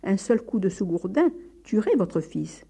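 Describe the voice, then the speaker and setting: A woman voicing a calm, sly old village priest who plays deaf and answers evasively, her voice husky and raised. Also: mid-range voice, exaggerated voice. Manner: unhurried, evasive, mildly teasing.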